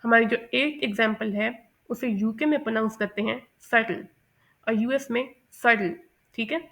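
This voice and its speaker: A woman teaching English pronunciation in a methodical lesson, mixing English terms into Hindi and repeating example words slowly. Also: a little high, vocal fry. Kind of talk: explanatory lesson.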